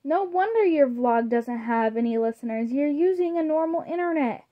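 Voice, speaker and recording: A woman's voice: high voice, lively intonation, moderate pace, highs cut off. A woman reading a storybook and voicing a confident, tech-savvy teenage monster girl who explains things in a matter-of-fact way.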